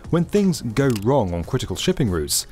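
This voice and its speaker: A man narrating a scripted documentary in a lively, upbeat explainer manner. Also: medium pitch, moderate pace. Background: faint background music.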